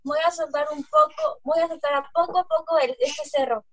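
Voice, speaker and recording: A woman's voice: extremely high pitch, sing-song, moderate pace, fairly bright tone, no room sound, exaggerated voice. A woman with a Mexican accent voicing a hungry, gullible, hot-tempered male coyote in an amateur folk-tale reading, blustering and sometimes stumbling over lines. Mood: strained. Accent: Mexican Spanish. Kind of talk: amateur read-aloud folk tale acting.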